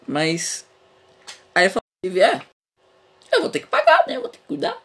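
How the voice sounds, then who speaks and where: A man's voice: extremely high pitch, huge pitch swings, moderate pace, creaky, a bit bright, slightly rough. A young man hosting a casual podcast, talking frankly and rambling, swearing freely. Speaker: podcast host.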